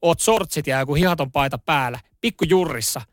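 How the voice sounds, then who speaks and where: A man co-hosting a radio talk show, rambling through stories in relaxed chat with plenty of fillers and easy laughter. His voice sits fairly high for a man and is captured dry and close to the mic, with no room sound. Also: no room sound. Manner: chatty, laughing storyteller with many fillers. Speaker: radio co-host. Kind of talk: casual chat.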